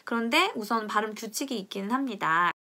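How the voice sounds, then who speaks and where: A young woman, a language teacher, leads a friendly pronunciation video lesson in an expressive, medium-pitched voice with a sharp tone. She explains patiently and drills sounds slowly so viewers can repeat them.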